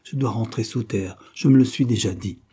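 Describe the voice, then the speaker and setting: A worn-out old soldier who speaks with gentle kindness, as read by a man. The voice is low and dark, with a husky edge. He sounds weary and resigned. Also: normal speed.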